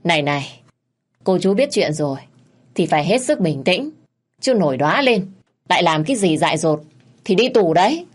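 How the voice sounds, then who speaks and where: A woman's voice: lowish voice, sing-song, normal speed, pauses often. A woman voicing fussing, nosy old village women giving a warning.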